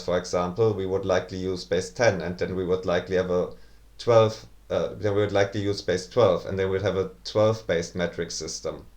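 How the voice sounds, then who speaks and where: A man's voice: sits low, a little mellow. A man giving rebuttal commentary in a pedantic, sarcastic manner. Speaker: video commentator debunking claims. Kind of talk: rebuttal commentary over clips.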